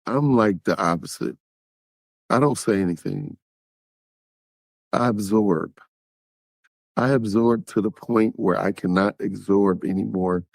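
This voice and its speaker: A man hosts his own podcast in a casual, direct style, addressing listeners as "y'all". His voice sits on the low side. The sound is dry and close, with no room echo. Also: measured pace, gravelly, long pauses. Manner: conversational, talks straight to listeners, acts out quotes. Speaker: podcast host.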